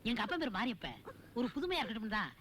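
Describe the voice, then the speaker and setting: An actor playing a bumbling village husband who disguises himself as a woman, in a loud, whiny, theatrical comedy style. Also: very high voice, very animated, quick pace, a little hiss or hum, exaggerated voice. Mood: defiant. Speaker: comic lead. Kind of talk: Tamil film comedy acting.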